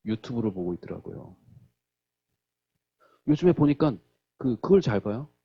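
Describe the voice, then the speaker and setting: A man's voice: medium pitch, moderate pace, breathy edge, dull audio. A male pastor preaching a sermon in a church, telling stories and acting out the quotes. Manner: animated storytelling, acts out quotes.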